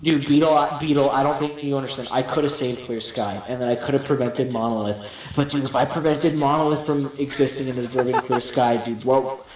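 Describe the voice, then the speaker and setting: A man's voice: mid-range voice, fairly even intonation, fairly quick. A young man, drunk and rambling on a livestream, repeating himself and trailing off. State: intoxicated. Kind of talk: casual drunk chat on a livestream. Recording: echoey room, distant mic, crowd noise.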